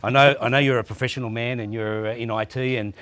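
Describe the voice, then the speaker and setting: A man's voice: mid-range voice, fairly even intonation, quick pace, a bit bright. A man hosting a casual vlog, talking to friends and to the camera. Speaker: host.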